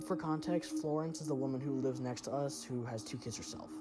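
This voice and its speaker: A man's voice: medium pitch, fairly quick, over loud music. A man narrating a first-person horror story in a tense, dramatic way.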